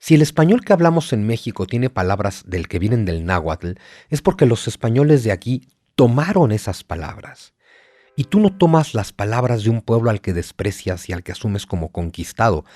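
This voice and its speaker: Passionate Mexico City man, animated. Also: fairly low pitch, normal speed, no echo, clean studio sound. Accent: Mexico City Spanish. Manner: passionate and emphatic, lists points with rising energy. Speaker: guest historian. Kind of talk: podcast interview.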